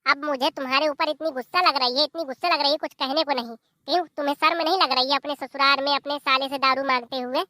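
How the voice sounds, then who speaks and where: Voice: high voice, fairly even intonation, quick pace, hardly any pauses, bright, forceful tone, dry recording, studio quality. A performer voicing a bossy, scolding older mother-in-law.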